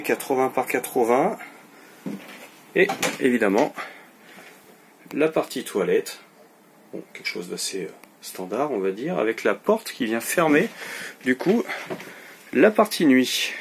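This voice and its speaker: Brisk man giving a motorhome walkthrough. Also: mid-range voice, slight background noise. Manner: brisk, matter-of-fact listing. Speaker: motorhome dealer presenting a vehicle. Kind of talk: informal walkthrough tour, listing features. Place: inside a motorhome on a dealer lot.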